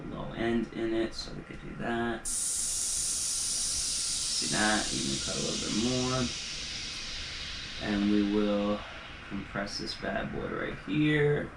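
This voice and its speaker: A man's voice: lowish voice, animated, takes it slowly, long pauses, very noisy. Laid-back male producer thinking aloud. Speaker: music producer. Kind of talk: casual studio walkthrough. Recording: roomy sound with music playing. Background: music tracks playing.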